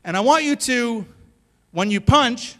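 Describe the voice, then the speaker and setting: A calm, terse old martial arts master giving short commands, as a male storyteller puts him on. The voice is high for a man. It carries the long echo of a big hall. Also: unhurried. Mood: commanding. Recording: long reverb of a large hall.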